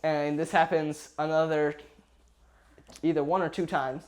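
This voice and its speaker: A man's voice: on the high side, little pitch movement, a little slow, a little mellow. A young man casually summarizes a Bible chapter on a podcast, hesitant and full of fillers and restarts. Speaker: podcast co-host.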